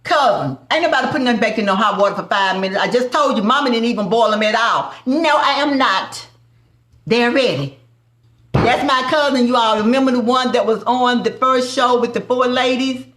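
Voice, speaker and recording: A woman's voice: on the high side, fairly quick, fairly bright tone, echoey room. A woman with a Southern accent hosting a live cooking stream. She banters with viewers and calls them baby and family. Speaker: cooking show host.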